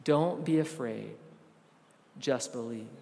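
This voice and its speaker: A man preaching a sermon as a pastor, rising to loud emphatic stretches and dropping to soft, low asides. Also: slow pace, vocal fry. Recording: long reverb of a large room.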